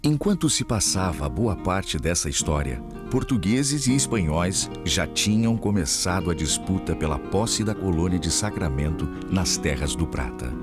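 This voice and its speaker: A man with a Brazilian accent giving measured, scripted documentary narration. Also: low-pitched, big pitch swings. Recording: voice-over with loud music behind.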